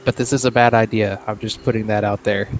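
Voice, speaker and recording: Wary low-voiced male player. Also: little pitch movement, brisk, faint music behind. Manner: wary, grumbling. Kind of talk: casual tabletop game chat.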